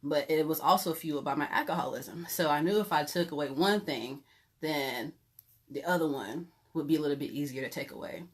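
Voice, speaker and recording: A young woman leads a Bible teaching in a loose, conversational manner, often pausing on fillers as she shares frank stories from her own life. Her voice sits notably low for a woman. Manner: conversational, filler-heavy, candid and self-revealing. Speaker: pastor teaching a Bible lesson. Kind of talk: informal teaching talk.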